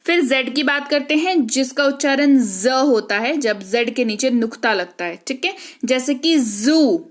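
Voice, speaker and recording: Slow, high-voiced woman teaching phonics. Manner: slow, drawn-out example words, frequent "ठीक है". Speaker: English teacher. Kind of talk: phonics lesson.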